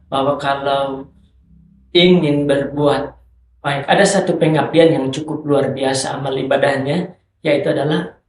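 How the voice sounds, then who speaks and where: A man's voice: medium pitch, echoey room, slight background noise, low-quality recording. A man in his thirties, a politician guest on a podcast, speaking earnestly about public service. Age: 30s. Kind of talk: podcast interview.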